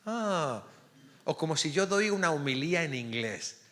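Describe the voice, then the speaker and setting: Lively priest teaching Bible class in echoey hall. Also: male voice, fairly high pitch, measured pace. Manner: keeps checking in with the class, asking "ok?". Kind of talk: parish Bible study lecture. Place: parish hall or church classroom. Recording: long reverb of a church hall.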